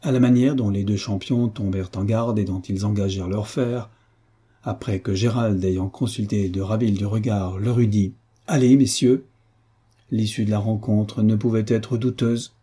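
Male reader, deep, very dark, husky tone, measured novel reading. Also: steady tone. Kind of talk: reading a classic novel aloud.

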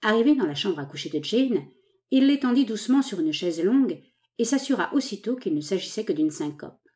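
Mellow-voiced woman narrating a novel. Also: medium pitch, sing-song, a little fast. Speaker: audiobook narrator.

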